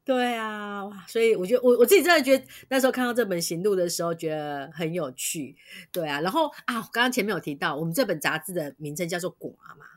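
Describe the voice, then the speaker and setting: Taiwanese mandarin woman hosting a podcast, lively, keeps saying yes yes, easygoing chat. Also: mid-range voice. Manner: lively, agreeable, many quick "对" replies. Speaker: podcast host.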